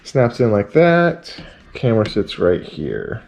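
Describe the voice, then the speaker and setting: A man's voice: on the low side, huge pitch swings, takes it slowly, gravelly, background noise. A man giving a casual how-to vlog, laid-back and thinking aloud as he goes. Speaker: vlog host.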